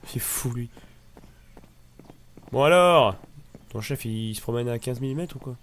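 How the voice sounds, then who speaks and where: A man with a northern French accent talks through a game in a loose, rambling way, tossing in the odd mild curse. His voice sits at an ordinary pitch, with faint noise behind it. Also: steady tone, fairly quick, a little mellow. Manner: chatty, rambling, swears lightly. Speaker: gamer. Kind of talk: casual let's-play commentary.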